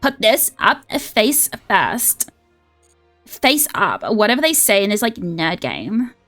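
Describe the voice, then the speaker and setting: A young woman streaming a card game, chatting casually and excitably, swearing freely and sliding into a valley girl voice. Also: medium pitch, takes it slowly. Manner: excitable and profane, drifts into a put-on valley girl voice. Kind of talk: casual live-stream gaming chat. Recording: faint music behind.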